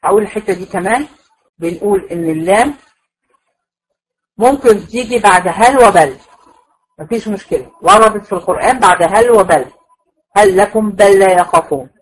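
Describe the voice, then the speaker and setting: A woman with an Egyptian accent lectures on Quran recitation, her voice sitting at an ordinary middle pitch. She goes over each rule more than once and keeps checking that her students are following. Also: a little fast, long pauses, breathy edge, poor audio. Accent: Egyptian Arabic. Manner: patient, repeats points and checks understanding. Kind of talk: classroom lecture.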